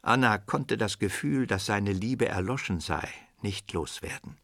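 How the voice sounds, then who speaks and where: A man narrating a radio drama with a fairly low voice, recorded dry and close. His storytelling is measured and expressive. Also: vocal fry, dry recording. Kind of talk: scripted literary narration.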